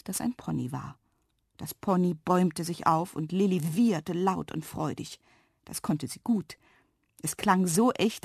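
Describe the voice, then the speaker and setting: Woman reading a kids' story, gravelly and a bit husky, dry close sound, lively and expressive. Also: medium pitch, dry recording. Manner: lively and expressive, dropping to soft whispers.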